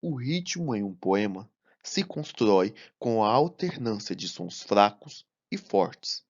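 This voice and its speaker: A man narrating a recorded lesson, slow and deliberate, counting syllables aloud one by one. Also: on the low side, very animated, highs cut off. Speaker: teacher.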